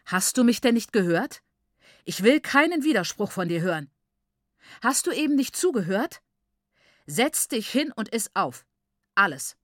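A woman's voice: mid-range voice, animated, normal speed, no room sound, studio quality, lightly acted. Strict middle-aged father giving orders, put on by a woman reader, storybook style. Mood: angry. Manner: stern, commanding.

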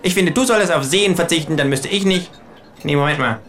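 A man's voice: on the high side, fast talker, fairly bright tone, voice pushed up, lightly acted. A cheeky, sarcastic talking kangaroo, as a man reads it with a slightly raised voice that bickers and mocks. Its lines come from a comic audiobook with faint noise behind them. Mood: snarky. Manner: bickering, mocking.

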